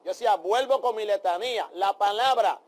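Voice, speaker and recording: A man leads a Bible study in a fervent preaching style. His voice sits very high for a man, and he keeps calling out amén and aleluya to his listeners. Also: fairly quick. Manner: addresses listeners as brothers.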